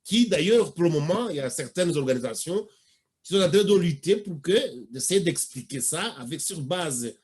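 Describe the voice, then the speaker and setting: A man of Rwandan origin hosts a radio interview, cutting in politely but firmly to set the record straight. His voice is somewhat husky and sits a touch high. He speaks in a measured, deliberate way. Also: expressive, darkish tone. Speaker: radio host.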